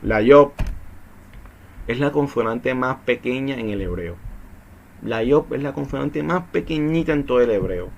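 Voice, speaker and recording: A man leads a Bible study, walking listeners through each point with questions he answers himself and repeating key phrases. His mid-pitched voice comes through a dull, lo-fi recording with a faint hiss underneath. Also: animated, a little slow, vocal fry, long pauses. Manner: repetitive, explanatory, asks rhetorical questions. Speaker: Bible teacher.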